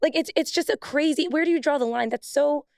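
A young woman co-hosting a casual sports podcast, animated and emphatic, laughing often. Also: high voice, quick pace, creaky, dry recording, studio quality. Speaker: podcast co-host, former pro soccer player. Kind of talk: casual chat.

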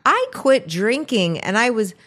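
A middle-aged woman co-hosting a podcast, chatting casually and acting out the people in her stories with lively voices. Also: on the high side, unhurried. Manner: animated storyteller who acts out the people she describes. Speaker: podcast co-host. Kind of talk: casual chat.

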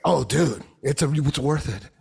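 A man hosts a podcast with blunt, mocking, profanity-laced banter. His voice is gravelly and husky, sitting fairly high for a man. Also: lively intonation, measured pace, a little mellow. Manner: blunt, mocking, swears a lot. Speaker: podcast host.

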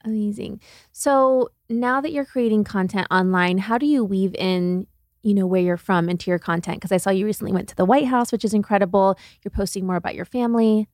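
A woman's voice: mid-range voice, brisk, a little mellow, no echo, clean studio sound. A woman hosting her own podcast, introducing a guest and asking long, upbeat questions. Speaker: podcast host. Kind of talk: interview hosting.

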